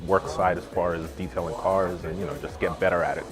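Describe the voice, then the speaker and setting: Very deep-voiced, relaxed man. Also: fairly quick. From Brentwood, New York. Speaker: seminar student. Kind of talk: testimonial interview. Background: background music.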